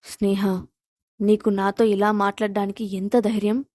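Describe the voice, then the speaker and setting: A woman's voice: medium pitch, little pitch movement, normal speed, darkish tone, dry recording, clean studio sound, close to an everyday voice. A woman voicing a scheming young woman who pleads in a whiny tone. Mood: indignant.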